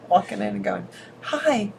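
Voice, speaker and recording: A woman's voice: lowish voice, brisk, vocal fry, a little hiss or hum. A woman bantering and teasing on a casual livestream, laughing often. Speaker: co-host.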